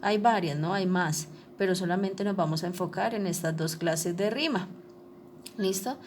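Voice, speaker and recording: A woman's voice: on the low side, normal speed, slight background noise. A woman teacher explaining a lesson over slides, patient and repetitive, checking often that her listeners follow. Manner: patient, repeats ¿listo? and ¿cierto? to check understanding.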